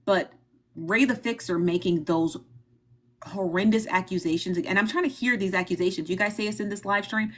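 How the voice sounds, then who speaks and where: Speaking at normal speed in a mid-range voice, a woman with a Midwestern American accent hosts a live stream. Her casual commentary is emphatic and repetitive, aimed squarely at her viewers.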